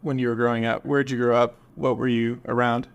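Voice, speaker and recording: A man's voice: medium pitch, level tone, brisk, vocal fry, clean tone, highs cut off. A man in his thirties hosting a podcast, talking in a laid-back, rambling way and laughing easily. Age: 30s. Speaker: podcast host. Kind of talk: casual interview chat.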